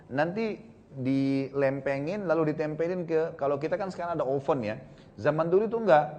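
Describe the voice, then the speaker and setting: A man giving a storytelling sermon to a congregation, retelling the tale with lively energy and frequent tag fillers. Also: mid-range voice. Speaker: preacher.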